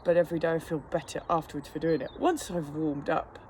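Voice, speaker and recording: Sitting outdoors in an ice bath, a fitness instructor who vlogs chats casually to the camera, cold-stressed but rambling along in a matter-of-fact, self-deprecating way. His voice sits on the high side with a level tone and a slightly mellow quality, and he speaks a little fast. There's a faint hiss or hum in the recording.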